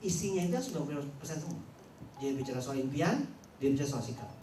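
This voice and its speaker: A man's voice: on the high side, expressive, rapid-fire, dark tone, slight background noise. A man giving a motivational seminar talk, quizzing the audience and acting out quotes. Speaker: motivational speaker. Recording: roomy sound from far off, faint ambience.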